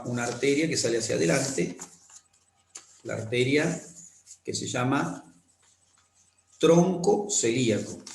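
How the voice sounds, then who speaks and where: A man lecturing on anatomy, explaining slowly, repeating key terms and often checking that students follow. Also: mid-range voice, creaky, a little hiss or hum. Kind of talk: classroom lecture with drawing demonstrations. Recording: echoey room.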